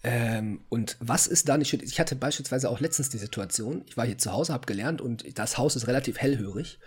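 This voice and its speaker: A man's voice: mid-range voice, animated, brisk, husky. A young man in his twenties co-hosting a casual podcast chat, rambling and repeating himself as he makes his points. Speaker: podcast co-host.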